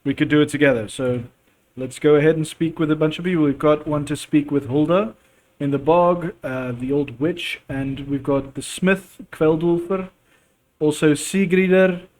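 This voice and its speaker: A man's voice: a little high, normal speed, a little mellow. A man hosting a let's play, talking in a chatty, casual way with fillers and laughs. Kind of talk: casual game commentary.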